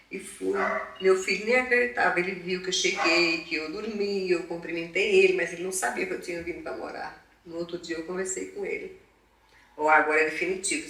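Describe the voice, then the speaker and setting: A mother from northeastern Brazil, interviewed for a documentary, telling her story in a lively way and acting out past conversations. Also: lowish voice, a little fast. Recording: echoey room, mic at a distance.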